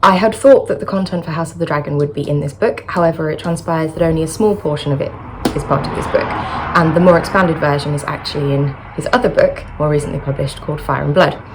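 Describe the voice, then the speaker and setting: A woman's voice: deep voice, fast talker, low-quality recording. A woman chatting enthusiastically in a casual vlog, recorded in a hotel room by a busy road with traffic noise. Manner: enthusiastic, gushing. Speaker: book vlogger.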